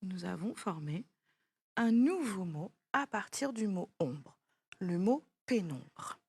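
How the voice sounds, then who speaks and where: A woman's voice: medium pitch, big pitch swings, takes it slowly, a little mellow, breathy edge, no echo. A woman teaching a child French spelling, patiently spelling words out letter by letter.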